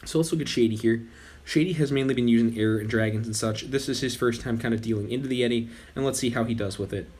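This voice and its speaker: Talking fast with few pauses, this young gaming channel host provides casual commentary over his gameplay in a medium-pitched voice with a breathy edge, the strain of losing his voice showing. He's laid-back and meandering, frequently pausing to fix what he just said.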